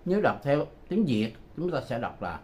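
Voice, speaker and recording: A man's voice: mid-range voice, sing-song, moderate pace, a little mellow. An older man gives a home-made language lesson, patiently repeating phrases to drill pronunciation. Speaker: language teacher. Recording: muffled home recording with background noise.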